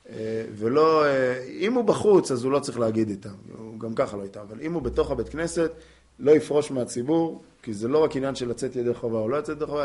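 Man teaching a halting Torah lesson. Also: mid-range voice. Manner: explanatory, halting with fillers. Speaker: rabbi teaching halakha.

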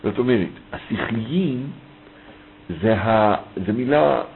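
A man's voice: mid-range voice, gravelly, slight background noise. A man teaching a text study lesson, reading a passage aloud and then explaining it phrase by phrase. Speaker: Torah teacher. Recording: thin phone-like audio with faint ambience.

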